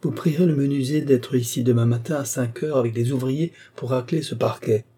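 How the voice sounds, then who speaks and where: Sex of performer: man. Figure: a cold, haughty aristocratic lady, as a male reader puts her on. Quality: husky, dark. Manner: curt, clipped orders. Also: mid-range voice, lightly acted.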